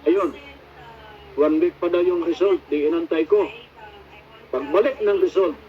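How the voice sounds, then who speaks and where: A man's voice: sits high, measured pace. A middle-aged man giving a casual spoken testimony as a patient, rambling and searching for words with many fillers, mixing in English phrases. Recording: dull lo-fi recording.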